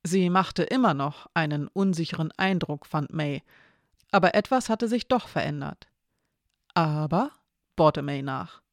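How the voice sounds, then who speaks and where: Calm, gravelly audiobook narrator. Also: medium pitch, moderate pace, dry recording, clean studio sound.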